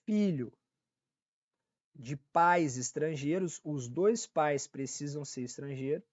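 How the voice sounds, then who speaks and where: Taking it slowly, a man with a slightly high voice is recorded muffled but without echo. He teaches law with a Brazilian Portuguese accent in a casual online exam-prep lecture, repeating main points, checking in with his audience and correcting his own slips.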